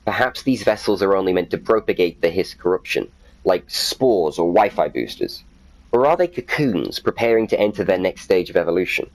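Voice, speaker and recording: This host of a gaming video has a low, expressive voice and a brisk delivery. He chats casually and reads documents aloud, poking fun at himself playfully, though the audio is poor.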